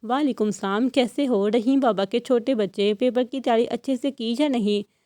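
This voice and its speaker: A woman's voice: fairly high pitch, mellow, dry recording, clean studio sound, lightly acted. A woman voicing a firm, caring young female university student. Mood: cheerful. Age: young adult. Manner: firm, affectionate, insistent.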